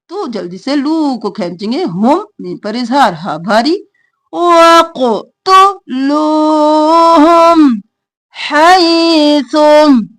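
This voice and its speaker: High-voiced woman teaching Quran recitation. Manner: slow drawn-out recitation alternating with quick spoken explanations. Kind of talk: tajweed lesson, reciting and explaining.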